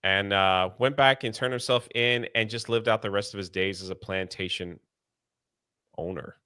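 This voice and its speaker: A man's voice: lowish voice, normal speed, bright, forceful tone, clear, resonant tone, dry recording, studio quality. A man hosting a casual history podcast, rambling and laughing often as he chats. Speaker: podcast host and streamer.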